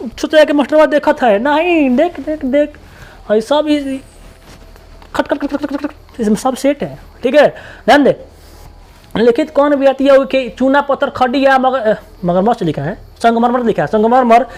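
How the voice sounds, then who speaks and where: A man with a Bihari accent tutoring students for an exam. He talks quickly and colloquially, drilling points by repeating them. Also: high-pitched, darkish tone. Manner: rapid, repetitive drilling, colloquial. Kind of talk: exam-prep lesson.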